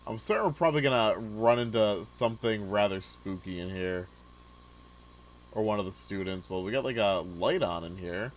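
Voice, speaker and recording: A young man casually commenting on a game he is playing, relaxed and chatty, with many filler words. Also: on the low side, moderate pace, slight background noise, poor audio. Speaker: gaming video host. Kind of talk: casual let's-play commentary.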